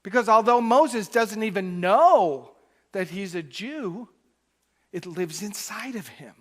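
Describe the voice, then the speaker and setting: Man preaching with swinging loudness. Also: sits high, slow. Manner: expressive, swinging between loud emphasis and soft asides. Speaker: minister. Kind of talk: sermon. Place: church during a Sunday service.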